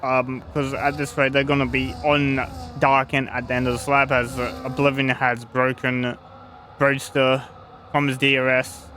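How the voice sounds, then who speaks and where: A man's voice: medium pitch, little pitch movement, moderate pace, pushed and bright. A man giving informal live motorsport commentary on a sim race, hesitant and thinking aloud as he goes.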